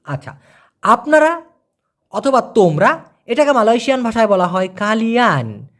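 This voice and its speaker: A language teacher, giving a beginner lesson and repeating words slowly so learners can follow. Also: mid-range voice, big pitch swings, fairly bright tone.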